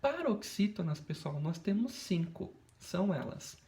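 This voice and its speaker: Gravelly-voiced teacher leading a video lesson. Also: male voice, sits high, big pitch swings, unhurried, mellow. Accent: Brazilian Portuguese. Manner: patient, checks in with frequent tag questions.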